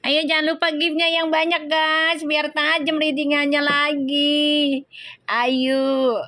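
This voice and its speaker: A woman's voice: high voice, level tone, slow pace, pushed and bright. A woman tarot reader chatting on a live stream, effusive and full of exclamations of praise. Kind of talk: casual live-stream chat.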